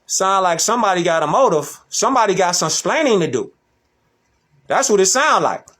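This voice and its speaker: A man with a high, lively voice delivers preachy commentary in casual street slang. He hammers his points home and keeps repeating himself. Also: normal speed. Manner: emphatic and repetitive, in casual slang.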